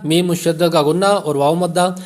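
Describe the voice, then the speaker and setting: A man with a Pakistani Urdu accent teaching a tajweed lesson, quickly explaining letter rules and then reciting each word slowly and drawn out. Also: fairly high pitch, steady tone, darkish tone. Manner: slow drawn-out recitation of single words between quick explanations.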